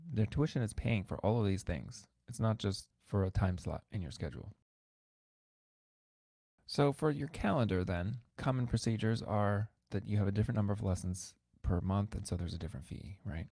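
A man's voice: lowish voice, expressive, moderate pace, gravelly, mellow, slightly rough, dry recording, clean studio sound. A man who teaches piano, hosting an instructional podcast in a conversational, emphatic way that repeats words for stress.

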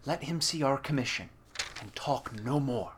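A woman doing a grim, deep-voiced murderer. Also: animated, normal speed, a little hiss or hum. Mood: menacing. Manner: terse, dark and menacing. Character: grim, curt male hired murderer.

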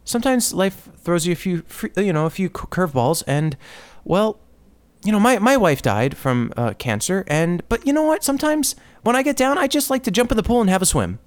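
Man doing a sugary inspirational podcast host, higher and softer than his own voice, breezy forced cheer. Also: very animated, brisk. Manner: soft, breezy, forced positivity. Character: relentlessly upbeat man hosting an inspirational podcast.

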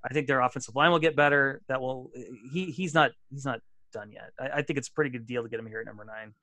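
A male podcast co-host talks sports in a casual, self-deprecating way and often trips over his sentence starts. His voice is bright and forceful, at a middling pitch for a man. The sound is dry and close, with no room around it. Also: fairly even intonation, fast talker, no room sound.

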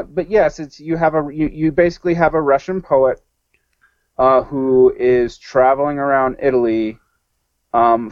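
A man's voice: medium pitch, no echo, dull audio. A man guesting on a podcast, chatting casually about a film in a rambling way, full of restarts and self-corrections.

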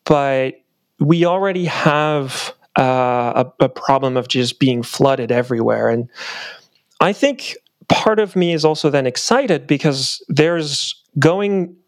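Podcast host, male, mid-pitched, reflective think-aloud delivery, dry booth sound. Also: animated, slow pace, no echo. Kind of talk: casual podcast conversation.

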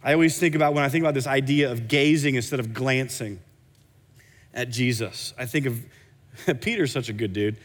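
A man delivers a sermon from the pulpit at a middling pitch. He preaches in an animated way, often restarting and repeating words mid-phrase. A long hall reverb trails behind every line. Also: moderate pace. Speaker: pastor.

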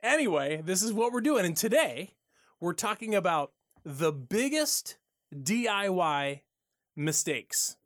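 A man's voice: high-pitched, big pitch swings, unhurried, fairly bright tone. A man co-hosting a home improvement radio show in a studio, chatting casually and laughing easily.

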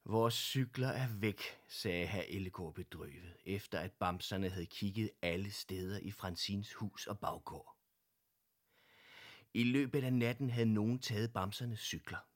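A man narrating a children's audiobook with expressive storytelling. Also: low-pitched.

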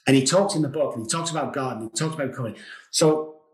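A middle-aged man, a podcast guest, telling a story in an excitable way, swearing casually. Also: medium pitch, racing. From England. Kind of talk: animated storytelling. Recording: roomy echo.

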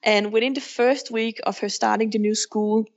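A Danish woman speaks English as her second language with a Danish accent, appearing as a guest author in a remote podcast interview. She answers questions frankly, candidly and plainly. Her voice is a little high with a steady tone at normal speed, and the sound is lo-fi.

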